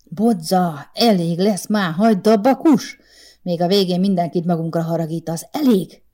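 A woman voicing a sharp-tongued old man in his seventies, a retired teacher, who fires quick retorts in an audiobook story. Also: lowish voice, close to an everyday voice. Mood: scolding dog. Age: over 70. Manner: quick retorts, hissing back. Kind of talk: audiobook character voice.

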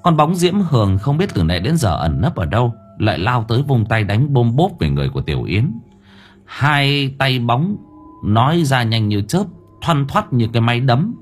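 Give me a husky male narrator for a horror audiobook, with soft music underneath. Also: medium pitch, moderate pace. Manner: expressive storytelling with vivid sound words. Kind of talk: dramatic horror story narration.

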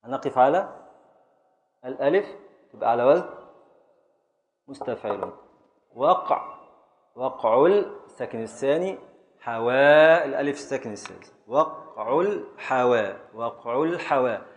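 Egyptian sheikh drilling students on meter. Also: male voice, mid-range voice, lively intonation. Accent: Egyptian Arabic. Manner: drills meter, chanting syllables slowly and calling on students by name. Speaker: sheikh teaching classical Arabic prosody. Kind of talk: classroom lesson, quizzing students. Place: classroom with students.

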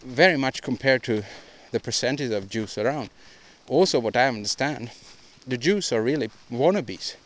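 A man's voice: medium pitch, expressive, normal speed, few pauses. Male podcast host, solo monologue; rambling, opinionated, frequent restarts and repeats. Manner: opinionated, ranting delivery.

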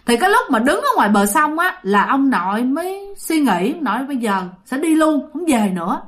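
A woman. She repeats phrases for effect and speaks directly to her listeners. Her telling is lively and conversational. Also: sits high, fairly quick. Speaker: ghost story narrator. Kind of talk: storytelling to listeners.

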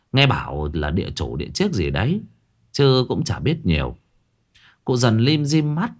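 A man, narrating a ghost story in a dramatic, expressive manner. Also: lowish voice.

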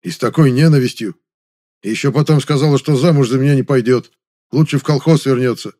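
A male audiobook reader voicing a hoarse, downcast war veteran who sighs and mumbles. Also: medium pitch, fast talker, dark tone, pitched above the performer's own voice, natural voice. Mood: sulky. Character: worn-out middle-aged war veteran man, gloomy.

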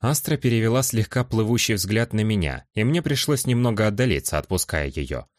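A man reading a fantasy audiobook in calm, measured first-person narration. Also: lowish voice, dry recording, studio quality.

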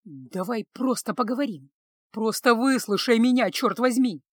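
A woman's voice: on the high side, moderate pace, dry recording, studio quality, natural voice. A woman voicing a desperate young man who pleads in a strained voice, in a storybook reading. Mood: pleading.

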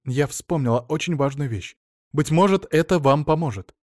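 A man's voice: fairly high pitch, normal speed, dry recording, studio quality, natural voice. A man reading an audiobook, voicing a flustered, anxious woman who talks in a rush. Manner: excited and flustered. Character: anxious flustered woman talking fast on the phone.

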